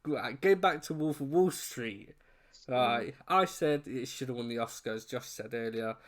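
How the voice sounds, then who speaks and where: A man's voice: medium pitch, expressive, measured pace. A man co-hosting a casual film discussion in a chatty, informal way, with slightly unclear R sounds. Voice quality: trouble pronouncing his R's. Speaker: co-host of a film review show.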